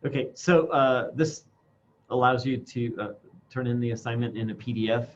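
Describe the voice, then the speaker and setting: A man teaching an informal classroom software demonstration, speaking haltingly through a face mask and thinking aloud as he goes. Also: medium pitch. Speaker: instructor. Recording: dull lo-fi sound, faint background noise.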